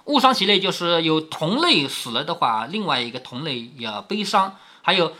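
A man reads a classic novel aloud and stops to explain it, with frequent rhetorical questions. His bright, slightly husky voice rises and falls over a very wide pitch range. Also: very animated, moderate pace. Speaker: storyteller reading to his daughter. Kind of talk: classic novel reading with commentary.

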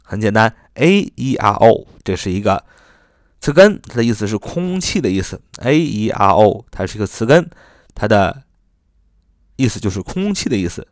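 A man teaching English vocabulary in a chatty lesson, spelling words out letter by letter and repeating them slowly. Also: lowish voice, big pitch swings, dry recording, studio quality. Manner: frequent "啊" fillers, chatty.

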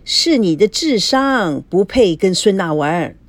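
A woman's voice: medium pitch, very animated, measured pace, darkish tone, no echo. A woman voicing a cocky, needling young man who teases his friend in a storybook reading. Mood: teasing. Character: smug, teasing young man, a sly friend.

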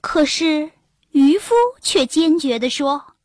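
A woman narrating a children's storybook in an expressive storytelling manner. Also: high-pitched, slow pace, dry recording, clean studio sound. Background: faint background music.

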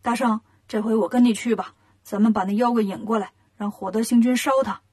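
A fatherly heavenly king from a children's story speaks earnestly, as a woman puts him on. The voice is somewhat husky. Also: a little high, fairly even intonation, brisk, a little mellow.

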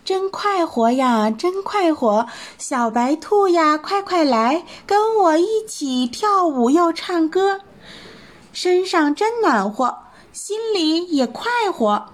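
A woman voicing a kind, lively little snowman child with a bright, sing-song way of talking. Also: high voice, unhurried. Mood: cheerful singing.

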